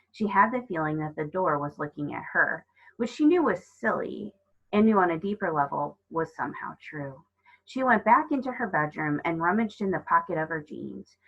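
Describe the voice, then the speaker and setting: A woman teacher reads a children's book aloud in a calm, steady manner. Her voice sits fairly low, and the recording sounds dull and lo-fi. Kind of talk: storybook read-aloud.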